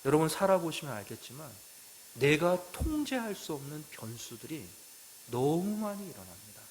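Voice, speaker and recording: A man preaching a sermon as a pastor. He tells stories, asks the congregation questions, and moves between loud emphatic phrases and quiet asides. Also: fairly high pitch, sing-song, normal speed, slight background noise, low-quality recording.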